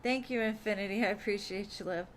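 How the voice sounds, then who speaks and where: Female tarot streamer, relaxed and chatty, mid pitch, light background hum. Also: fast talker. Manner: chatty, says "like" and "um" often, calls viewers "love". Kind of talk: casual live-stream tarot reading.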